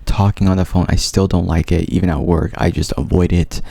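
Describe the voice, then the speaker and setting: Addressing the camera, a young vlogger with a stutter recounts his personal story in an earnest, open way, repeating sounds and words as he talks. His low, gravelly, mellow voice moves briskly with a flat delivery.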